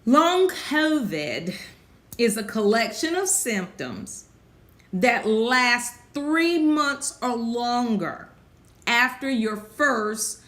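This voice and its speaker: A woman preaches in a high voice with a slow, deliberate pace, stretching key words for emphasis. She calls out and answers her own questions with fervent energy. The room around her rings with echo. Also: big pitch swings, fairly bright tone. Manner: fervent call-and-response preaching, rising to high exclamations; drawn-out emphatic phrasing. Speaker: preacher and health speaker. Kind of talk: preaching sermon mixed with health talk. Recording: echoey room.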